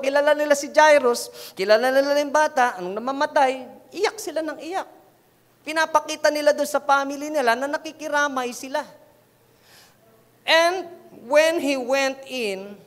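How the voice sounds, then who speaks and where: High-voiced Filipino pastor, animated preaching. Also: male voice, in a large hall. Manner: switches between preaching and quoting scripture; animated, dramatizes the crowd. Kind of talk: sermon.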